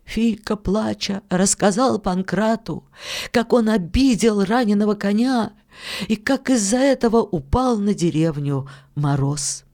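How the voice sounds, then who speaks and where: A narrator tells a fairy tale at an unhurried, deliberate pace, in a calm and measured way. The voice sits at a middle pitch and reads the story with scripted care. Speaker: audiobook narrator.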